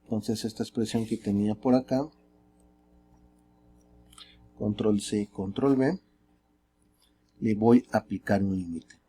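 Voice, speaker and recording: A man teaching calculus in a relaxed, chatty way, often tagging his sentences with rhetorical questions. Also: on the low side, takes it slowly, pauses often, slightly rough. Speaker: math teacher. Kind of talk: recorded screen lesson.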